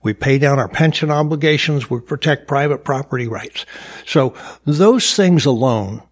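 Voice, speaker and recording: A man's voice: medium pitch, animated, normal speed. A man, a mayor running for county office, giving upbeat interview answers, proud and full of uh fillers. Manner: upbeat, boastful, frequent uh fillers. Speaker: mayor and county supervisor candidate.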